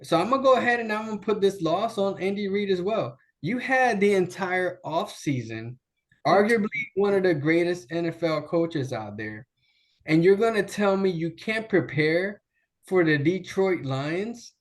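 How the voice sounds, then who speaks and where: A man's voice: high voice, animated, normal speed. A man co-hosting a casual sports debate from a video call, opinionated and rambling, restarting his sentences. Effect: remote voice over a video call. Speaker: sports show co-host. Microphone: laptop video call.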